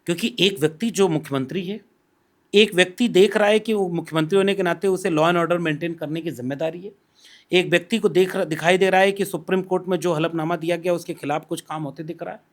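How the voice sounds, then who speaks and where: Man, high-pitched, podcast guest, measured, explanatory, makes numbered points. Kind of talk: political discussion.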